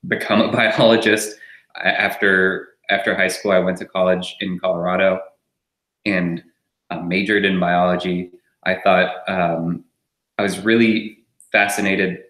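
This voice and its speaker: Here the deep, slightly bright voice belongs to a France-raised startup co-founder guesting on a laid-back interview. He's easygoing, laughs a lot and wanders through his answers with fillers, all in a roomy-sounding space.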